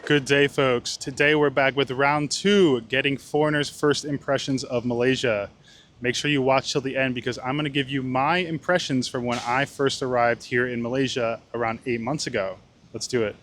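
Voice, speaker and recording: A man's voice: medium pitch, little pitch movement, normal speed, a bit bright, slight background noise. A man hosting a vlog, asking passers-by questions in a casual, upbeat way. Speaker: host. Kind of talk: street interviewing.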